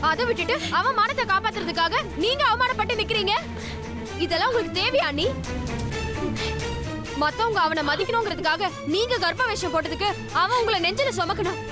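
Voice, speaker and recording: An actress playing a young wife in a Tamil Nadu Tamil television serial, speaking in an indignant, consoling way to her sister-in-law. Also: very high-pitched. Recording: music score underneath.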